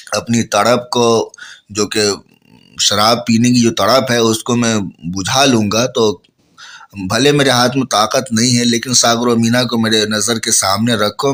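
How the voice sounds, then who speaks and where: A man teaching a ghazal. He recites each couplet slowly, then explains it plainly to his listeners, and has a bit of a cough. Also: mid-range voice, a bit bright. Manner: addresses listeners as friends. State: coughing, slightly hoarse. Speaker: Urdu poetry teacher.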